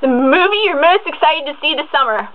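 Young female interviewer, high voice, eager chatty fan, phone-quality audio. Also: lively intonation. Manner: chatty, eager fan asking quick questions. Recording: tinny phone line.

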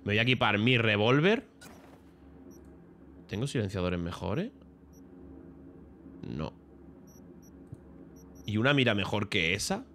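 A man talks through a game on stream, chatty and swearing freely. His voice sits a little low, with faint noise behind it. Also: big pitch swings, slow, pauses often, fairly bright tone. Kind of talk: casual gameplay commentary.

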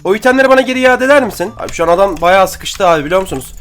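A young man giving excitable, slangy gameplay commentary and chatting to his viewers as he plays. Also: high-pitched, rapid-fire, heavy background noise. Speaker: gaming YouTuber.

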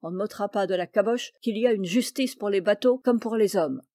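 A woman's voice: mid-range voice, brisk, dark tone, no echo, studio quality, lightly acted. A woman voicing a stubborn, indignant older male boat skipper, speaking with a raised voice in an audiobook.

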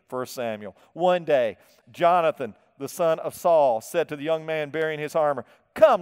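A male pastor delivers a sermon in a folksy, animated way, tossing questions to the congregation and chuckling at his own asides. His voice sits high and comes through smooth and resonant. The sound carries the long reverb of a church sanctuary.

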